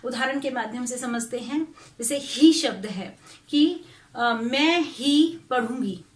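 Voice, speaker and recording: A middle-aged woman teaching Hindi grammar in an online lecture, explaining slowly and carefully with examples and soft "a" fillers. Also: on the high side, echoey room, recorded from a distance.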